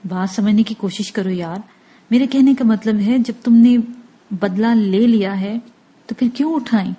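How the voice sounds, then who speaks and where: A woman voicing an exasperated young man who pleads and argues, in a mellow, darkish tone. It is read as a storybook dialogue, with mild irritation throughout. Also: mid-range voice, slightly rough, lightly acted. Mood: pleading.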